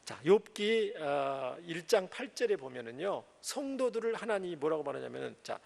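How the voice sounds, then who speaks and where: A male pastor preaching a sermon at a Friday prayer meeting, animated and asking the congregation questions. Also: fairly high pitch, moderate pace, vocal fry. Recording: echoey church hall.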